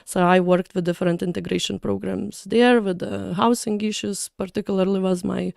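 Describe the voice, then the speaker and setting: Lithuanian woman guest on a podcast, english isn't her first language, pretty flat delivery, smooth clear voice, dry close sound. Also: medium pitch, moderate pace, dry recording. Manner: careful, searching for words with fillers. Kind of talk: casual interview talk.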